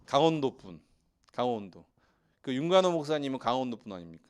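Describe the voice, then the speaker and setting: Lively, joking male pastor preaching. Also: mid-range voice, brisk, clean tone. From Seoul. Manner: joking with the congregation, lively asides. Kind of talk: sermon. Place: church sanctuary.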